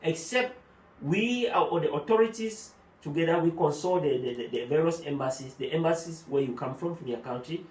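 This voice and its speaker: A man whose voice sits on the high side speaks briskly as a migration adviser, explaining procedures step by step with German terms on an explanatory talk show. Slight background noise, an echoey room, and a distant mic mark the recording.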